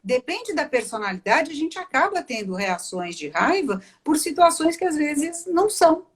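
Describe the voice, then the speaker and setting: A woman's voice: sits high, big pitch swings, normal speed. A Brazilian woman, a psychologist, explaining at length on a video call and acting out quoted remarks. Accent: Brazilian Portuguese. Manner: explanatory, acts out quoted lines. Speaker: psychologist guest expert. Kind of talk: conversational interview.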